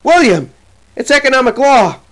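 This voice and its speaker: A man's voice: very high voice, sing-song, normal speed, fairly bright tone, pitched above the performer's own voice, full character voice. A man doing a shrieking, grief-stricken mother. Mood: hysterical. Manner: shrieking, pleading. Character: hysterical grieving pauper mother.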